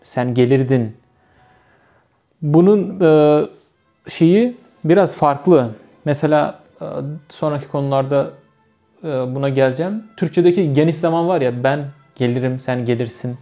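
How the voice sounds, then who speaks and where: A man's voice: on the high side, a little slow, dark tone, lo-fi sound, soft background music. Man with a Turkmen accent, teaching. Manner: hesitant, with many fillers and self-corrections. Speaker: language teacher. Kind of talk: casual video lesson.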